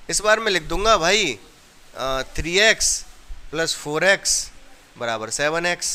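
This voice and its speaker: Man, maths teacher, from India, classroom lesson, slightly high, crisp voice. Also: sharp tone. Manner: explains step by step, often asks students if they understood.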